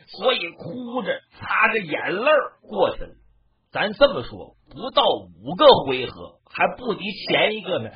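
A traditional storyteller narrating a battle tale dramatically, with shouted lines and mouth sound effects. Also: mid-range voice. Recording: dull lo-fi recording.

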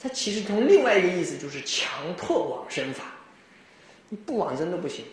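A man delivers a Buddhist dharma talk, telling animated stories in a fairly high voice. He chuckles often as he speaks. The recording is swamped by the echo of a very reverberant room. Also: brisk. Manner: animated storytelling, frequent chuckles. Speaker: Buddhist teacher. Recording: very echoey room.

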